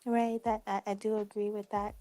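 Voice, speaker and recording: A woman in her twenties from Detroit, United States, whose first language was Algonquian, calls in to a chat. Her medium-pitched, mellow voice is flatly delivered, and she speaks hesitantly and apologetically with many pauses.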